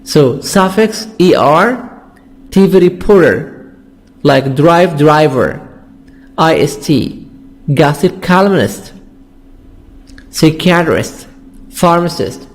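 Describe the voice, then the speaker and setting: Man w arabic first language teaching english words, says everything twice, real slow. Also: fairly high pitch, animated. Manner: repeats words slowly to drill pronunciation. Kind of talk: vocabulary lesson explanation.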